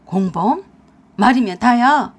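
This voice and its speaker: A woman voicing a young husband who blusters and defends himself loudly in a radio drama. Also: a little high, animated, slow pace. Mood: loud, alarmed. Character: angry young husband caught out, blustering man.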